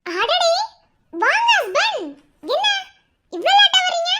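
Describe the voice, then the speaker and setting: A woman's voice: very high voice, big pitch swings, moderate pace, a bit bright, slight background noise, exaggerated voice. An actress playing a vengeful, scheming wife who taunts her husband with mocking laughter. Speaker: villain. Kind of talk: TV serial dialogue.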